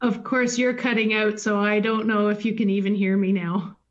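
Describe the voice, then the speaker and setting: A woman's voice: mid-range voice, little pitch movement, normal speed, soft background music. A woman speaking as a panelist over a video call with a bad connection that breaks up, hesitant and restarting her sentences. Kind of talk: webinar panel discussion. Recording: muffled distant video call audio.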